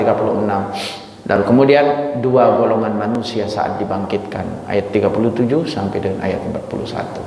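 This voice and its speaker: A man giving a sermon as a religious teacher, swinging his pitch dramatically and speaking straight to his listeners. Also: darkish tone, a little hiss or hum. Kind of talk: mosque sermon on a Quran chapter. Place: mosque hall. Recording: echoey mosque hall, faint ambience.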